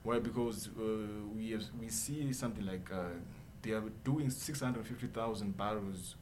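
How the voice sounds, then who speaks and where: A man's voice: on the low side, normal speed, noisy background. A man, a guest in a radio studio interview who speaks earnestly and keeps checking in with "all right?". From Zimbabwe. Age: 20s. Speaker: guest entrepreneur.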